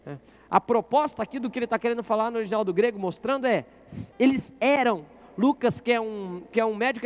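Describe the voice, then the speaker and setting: A male pastor with a very high-pitched voice delivers a sermon in church. He talks with the crowd, asking questions and telling them to turn to the person beside them. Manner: interactive, asks the congregation questions.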